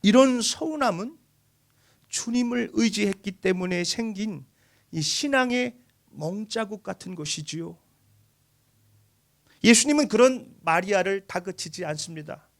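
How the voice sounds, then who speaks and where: High-voiced emotive male pastor. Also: lively intonation, unhurried, vocal fry, long pauses. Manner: emotive preaching, voicing the grieving with raised pitch. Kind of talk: sermon.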